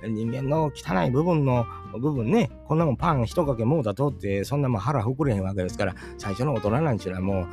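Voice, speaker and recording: This storytelling channel host, a middle-aged man with a Kansai accent, talks fast with few pauses in a mid-range, darkish voice. He chats through his thoughts on a fairy tale and keeps turning to his audience with questions, music playing behind him.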